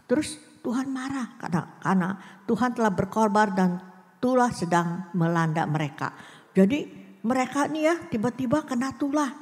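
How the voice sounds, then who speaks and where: Lively woman telling Bible stories. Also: in a large hall. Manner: lively storytelling, voicing characters' lines with big pitch swings. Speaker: Sunday school teacher. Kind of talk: children's Bible story lesson.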